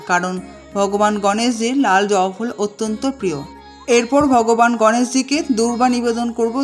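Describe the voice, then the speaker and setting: A woman giving calm, methodical step-by-step instructions for a home worship ritual and chanting mantras slowly. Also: fairly high pitch.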